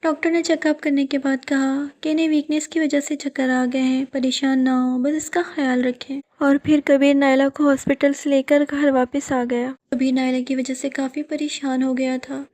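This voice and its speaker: A woman storyteller narrating a scripted horror story in a steady storytelling manner. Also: high voice, few pauses.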